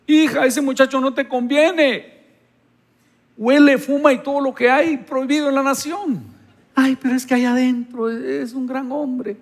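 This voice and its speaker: Animated high-voiced male pastor. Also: big-room sound. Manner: animated storytelling, acting out dialogues with God. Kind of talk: sermon.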